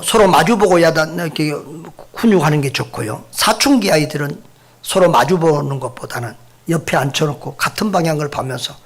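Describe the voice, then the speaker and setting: A man's voice: on the high side, breathy edge. A middle-aged man preaching a sermon as pastor, speaking conversationally and putting questions to the congregation. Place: church sanctuary.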